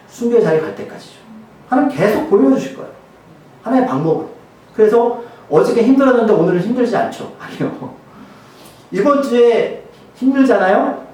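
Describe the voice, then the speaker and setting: A male pastor preaches in a casual, joking way and keeps putting rhetorical questions to his congregation. His voice is high and very lively. It comes from some distance away and rings through a very echoey church hall. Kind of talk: sermon. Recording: very echoey hall, mic far off.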